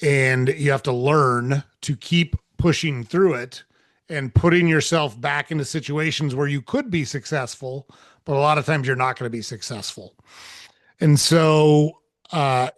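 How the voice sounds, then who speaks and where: A man's voice: a little high, unhurried, no room sound. Earnest man explaining, dry sound. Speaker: guest. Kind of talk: reflective interview talk.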